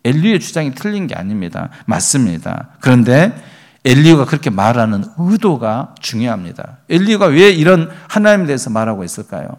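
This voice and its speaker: A man's voice: medium pitch, very animated, brisk. A man preaching a sermon as pastor, reading scripture aloud and building emphasis.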